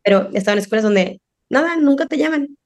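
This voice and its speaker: A woman's voice: sits high, quick pace. Middle-aged woman on a parenting podcast, chatty, keeps doing little voices for moms and kids. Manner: animated, acts out quoted parents and children. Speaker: parenting expert guest. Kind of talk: casual podcast conversation.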